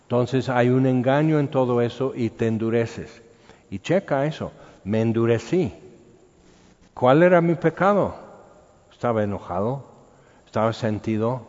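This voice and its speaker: Mexican pastor, mid-pitched, conversational sermon, acts out quotes; dull sound, long hall reverb. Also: male voice, a little slow, a little mellow. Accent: Mexican Spanish.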